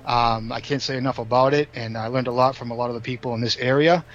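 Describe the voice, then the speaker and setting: A man from Massachusetts with a thick Boston accent chats casually in a friendly, enthusiastic way. His pitch sits in the middle range. The audio is dull and lo-fi, like a modest podcast setup. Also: steady tone, fast talker, over loud music. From Massachusetts North Shore. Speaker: podcast guest, card game player. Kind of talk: casual chat.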